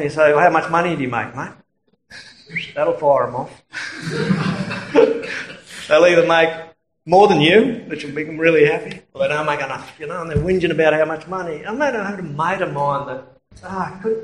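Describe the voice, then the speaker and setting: A man's voice: a little high, normal speed, echoey room, slight background noise, low-quality recording. A man with an Australian accent preaching a sermon in a conversational way, telling anecdotes and chuckling at his own stories.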